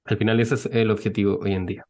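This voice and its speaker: A man's voice: fairly low pitch, little pitch movement, fast talker, warm tone. A young man with a Chilean accent, a scientist guest on a podcast, explaining things in a thoughtful way. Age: young adult. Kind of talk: podcast interview.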